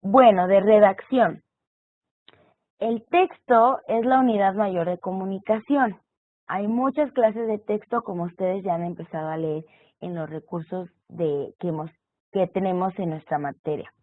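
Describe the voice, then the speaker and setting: A woman speaking at medium pitch and a little slowly explains punctuation and text structure through examples. It's a recorded online lecture from a course teacher, with no room sound and tinny, phone-like audio.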